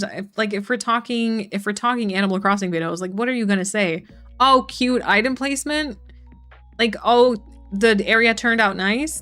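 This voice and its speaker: A young woman chats casually on a live stream at a mid-range pitch, reading viewers' messages aloud and answering them. Her talk is loose and full of "like" and "um". Soft music plays faintly underneath. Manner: frequent fillers like "like" and "um". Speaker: streamer chatting with her chat.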